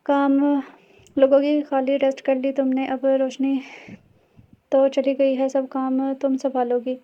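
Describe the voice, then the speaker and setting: A cheerful young man who likes to tease, voiced by a woman narrating a romance audio novel. He comes out high and even, with a dark, mellow tone and a playful manner. The recording sounds dull and lo-fi. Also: unhurried. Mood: affectionate. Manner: light and teasing.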